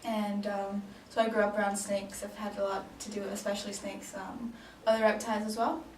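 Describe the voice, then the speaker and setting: Speaking fairly quickly at a medium pitch, this late-twenties Danish woman has a flat delivery and a darkish tone. She fumbles through a casual improvised job-interview role-play, with many ums and restarts. The sound is echoey and faintly noisy, captured by a far-off mic.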